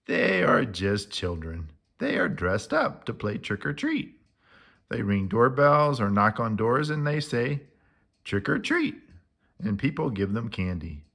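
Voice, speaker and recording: A man reading aloud as Boris, a bossy male friend who shouts and roars. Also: mid-range voice, very animated, unhurried, creaky, husky, heavily acted. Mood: explaining. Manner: loud, shouting.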